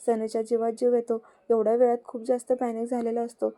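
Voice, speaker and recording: Storyteller: woman, mellow dark tone, flat even delivery, steady plain telling. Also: fairly high pitch, fast talker. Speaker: story narrator. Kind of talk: storybook reading.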